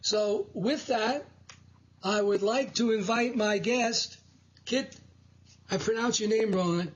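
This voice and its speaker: Slow, husky-voiced man hosting a spiritual show. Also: sits high. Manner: measured, preaching delivery. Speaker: host. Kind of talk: spiritual talk show monologue. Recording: dull lo-fi audio.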